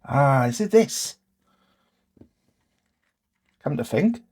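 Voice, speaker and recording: Very slowly and in a sing-song way, a man with a medium-pitched, husky, somewhat mellow voice talks to himself while doing hands-on repairs. He hosts a DIY repair channel and thinks aloud casually in short, tentative phrases.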